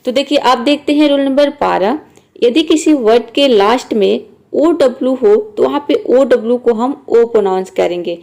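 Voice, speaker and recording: A woman's voice: on the high side, moderate pace, creaky, a little mellow. Patient woman teaching pronunciation rules. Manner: patient, repetitive, methodical. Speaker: English teacher. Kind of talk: spoken explanation of pronunciation rules.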